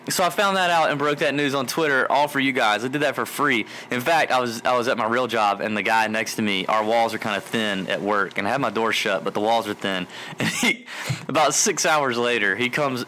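A man hosting a casual podcast, telling a story in an animated way and laughing often. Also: mid-range voice, fairly quick, a little hiss or hum. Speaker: podcast host. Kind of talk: casual chat.

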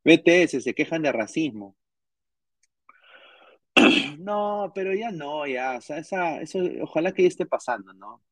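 A man's voice: a little high, expressive, unhurried, pauses often, fairly bright tone, no echo. Rambling Peruvian man, dry mic. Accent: Peruvian Spanish. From Peru. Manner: rambling, many restarts and slang. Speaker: podcast host. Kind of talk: casual live-stream chat.

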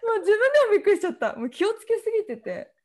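A woman's voice: very high-pitched, racing. A young woman from Japan co-hosting a podcast, chatting casually and laughing often as she tells stories. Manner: animated, laughs often while telling stories. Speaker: podcast co-host. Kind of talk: casual chat.

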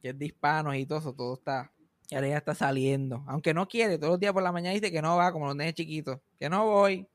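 A man with a Puerto Rican accent tells funny family stories in casual chat, animated, swearing freely and laughing often. His voice is on the high side and he talks fast. The recording is studio quality with no room sound.

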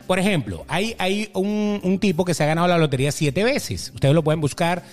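A man's voice: sits high, fairly quick. A man co-hosting a casual chat, teasing and joking as he talks. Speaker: co-host.

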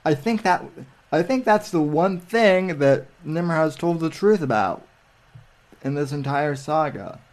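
A man telling stories in casual livestream chat, rambling and halting with many restarts. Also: a little high, lively intonation.

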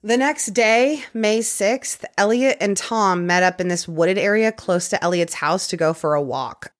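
A woman hosting a podcast, casually recounting a true-crime case with quick conversational asides. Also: medium pitch. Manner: conversational, quick asides, occasional put-on quotes. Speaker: podcast host telling a case.

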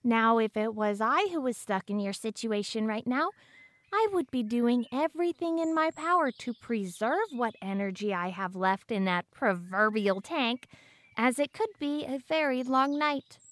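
This is a pompous teenage girl with a menacing calm, voiced by a woman in an audio drama. Her voice sits high. She talks in stiff, overly formal sentences full of big words, always smug and condescending. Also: moderate pace, close to an everyday voice. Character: pompous, coldly menacing 14-year-old girl hunter.

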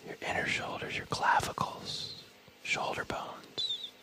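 A man whispering as an ASMR host, leading a guided body scan with soft, soothing instructions and the odd casual aside. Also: slow, rough recording.

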